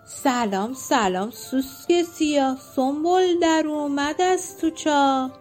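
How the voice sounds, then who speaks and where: A brash, pushy shopkeeper from a children's storybook who blurts out his proposal, as a woman puts him on. The voice stays fairly high and a bit slow, with music softly behind. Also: lightly acted. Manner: pushy, blunt. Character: blunt pushy male shopkeeper suitor.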